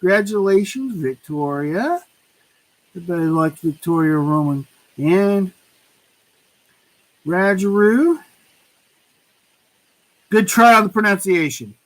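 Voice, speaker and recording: Slow-talking, high-voiced male stream host. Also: animated, low-quality recording. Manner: drawn-out, chatty, repeats names playfully. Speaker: live stream host running giveaways. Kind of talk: casual live stream chat.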